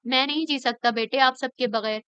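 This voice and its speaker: A woman voicing a guilt-ridden middle-aged father in an audiobook reading, speaking softly and pleadingly. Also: high voice, moderate pace, clean tone, no echo. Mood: remorseful. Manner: soft, pleading. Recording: slightly dull lo-fi recording.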